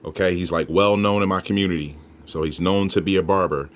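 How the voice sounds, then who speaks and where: A man's voice: low-pitched, steady tone, fairly quick. A man giving casual, emphatic commentary as a paranormal host, speaking straight to his listeners and repeating points for them. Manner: addresses listeners as folks, emphatic repetition. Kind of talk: casual commentary on EVP recordings.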